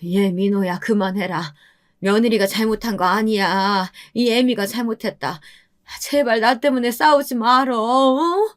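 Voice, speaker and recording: A woman voicing a frail mother-in-law in her early sixties who talks slowly, pleading and scolding, in a storybook radio drama. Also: on the high side, voice pushed up, close to an everyday voice. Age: 60s. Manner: slow, pleading, then scolding.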